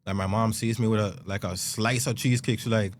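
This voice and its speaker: Animated storyteller man, low voice. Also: fast. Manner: animated, acts out quotes, swears freely. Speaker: guest musician. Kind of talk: casual storytelling. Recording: faint background noise.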